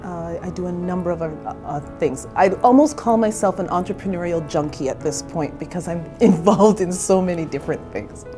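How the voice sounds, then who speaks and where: A woman's voice: fairly low pitch, brisk, hardly any pauses, over music. A woman in her forties from Canada, a therapist and entrepreneur, telling her own story in a candid, chatty interview. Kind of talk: personal interview.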